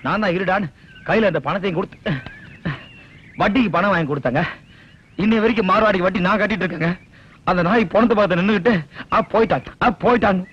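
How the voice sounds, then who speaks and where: A man's voice: high-pitched, breathy edge. An actor playing a hot-tempered comic village man who grumbles and flares into threats, in a dull lo-fi film soundtrack. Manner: respectful "sirs" then angry shouting.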